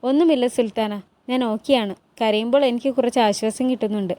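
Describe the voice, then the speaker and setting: A woman voicing an anxious, tearful young woman in a palace drama recap, speaking her lines in a soft, troubled way. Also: on the high side, fairly quick, close to an everyday voice.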